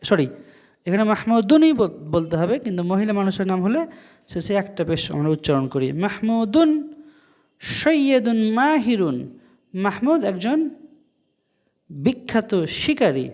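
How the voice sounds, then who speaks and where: A man teaching an Arabic lesson, saying each phrase slowly and then explaining it. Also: high voice, big pitch swings, darkish tone. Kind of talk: online language lesson.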